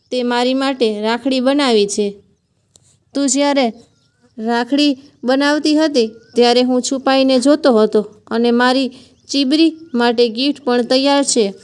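A woman's voice: high-pitched, clear, resonant tone. A woman voicing a caring older brother who comforts his little sister in a tender, teasing way.

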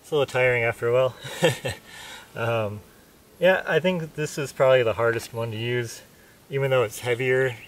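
Speaking at a moderate clip in a mid-range voice, the reviewer thinks out loud, matter-of-fact, as he tests camping hammers outside. The distant camera audio from the pine woods' dirt clearing carries a little faint noise.

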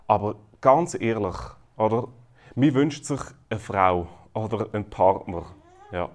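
A man in his thirties with a Swiss German accent, preaching a sermon in a lively, conversational way with humor. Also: medium pitch. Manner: lively, conversational preaching with frequent "oder?" tags and self-deprecating humor. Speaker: pastor. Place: church.

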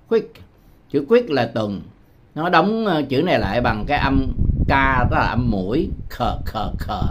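A man from Vietnam teaching English words in a patient tutorial, repeating each word slowly with hesitation sounds. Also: medium pitch, background noise. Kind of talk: slow, patient screen-demo tutorial.

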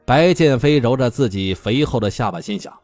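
Lively male audiobook narrator. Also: mid-range voice, a little fast, no room sound, studio quality, faint music behind. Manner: animated, comic storytelling. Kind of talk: scripted storybook narration.

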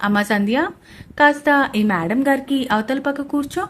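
A man's voice: very high-pitched, moderate pace, fairly bright tone, a little hiss or hum. A woman voicing a young male tutor who is also a teasing husband, with a dry manner.

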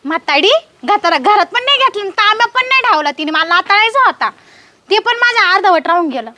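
Cheeky young bride, woman acting, super high bright voice, talks back. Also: expressive, brisk, no echo, full character voice. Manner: pleading, cheeky. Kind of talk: comedy sketch acting.

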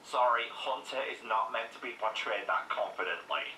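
A man's voice: fairly low pitch, moderate pace, sharp tone. A man narrating a scripted critical game review in a sarcastic, opinionated way. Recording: echoey room, distant mic, faint noise.

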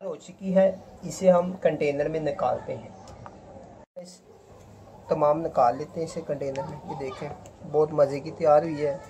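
A man calmly talking through a recipe step by step as a cooking presenter. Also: a little high. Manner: calm, unhurried instructions. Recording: noisy home recording.

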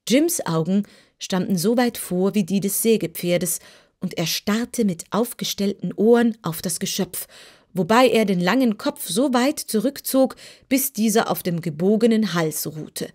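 A woman reading an audiobook in a measured storytelling way. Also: mid-range voice, a little mellow. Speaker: audiobook reader. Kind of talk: scripted narration.

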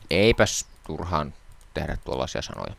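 Deep-voiced joking let's play host. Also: male voice, very animated, vocal fry, fairly bright tone. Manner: joking, sarcastic banter. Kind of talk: casual gaming chat.

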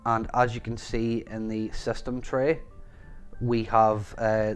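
Northern Irish man, lowish voice, step-by-step tutorial host, faint music under him. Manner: step-by-step, repeats "gonna wanna". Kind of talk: screen-recorded tech tutorial narration.

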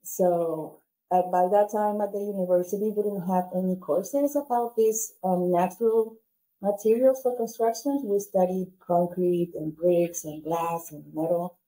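A woman's voice: lowish voice, steady tone, warm tone, rough recording. A woman in her forties from Peru with a Peruvian Spanish accent, explaining her architecture work earnestly over a video call, talking through an earphone mic at home. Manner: earnest, explains with pauses and restarts. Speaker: guest architect. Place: home room, indoors. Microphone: wired earphone mic.

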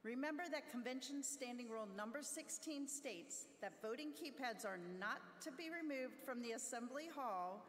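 A woman's voice: fairly high pitch, a bit bright. A middle-aged woman giving cheerful instructions at a convention podium, laughing now and then. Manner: upbeat, laughs between instructions. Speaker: convention presenter. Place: large convention hall stage. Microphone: podium microphone. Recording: long hall reverb, faint crowd noise.

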